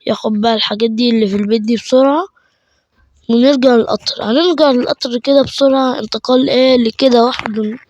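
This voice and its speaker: A man with an Egyptian Arabic accent giving chatty let's play commentary, excitable and quick to burst into panicked repeated shouts. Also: very high voice, no echo, highs cut off. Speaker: gaming channel host.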